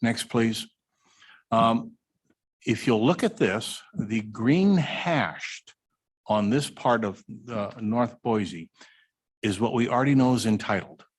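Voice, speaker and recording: A man, a highway district director, presenting slides at a public meeting in a city hall room, halting with many uh fillers.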